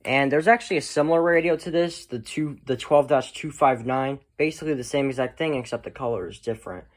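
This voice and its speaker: A hobbyist collector presents a video in a casual show-and-tell chat, talking quickly in a mid-range voice. He rambles and often lets his thoughts trail off.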